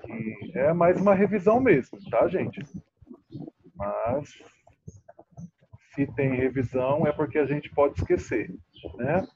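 A male teacher leads a remote lesson, stretching words out slowly and checking in with his students. His voice sits a little high. The call audio is muffled, with a faint hiss behind it. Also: expressive. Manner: patient, drawn-out syllables, checks in often. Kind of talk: online class teaching.

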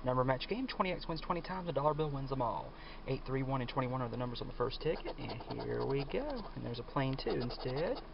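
Playful bingo-caller style host, very lively pitch. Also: fast talker, creaky, muffled recording, very noisy. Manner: playful, calls numbers with nicknames and quacks. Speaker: host of a lottery scratch-ticket series. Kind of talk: casual commentary, calling out numbers like a bingo caller.

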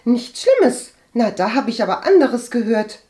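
A woman reading an audiobook and voicing a flustered, gossipy young cousin with a high, stammering, indignant voice. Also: very animated, a little slow, dark tone. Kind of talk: audiobook character voice.

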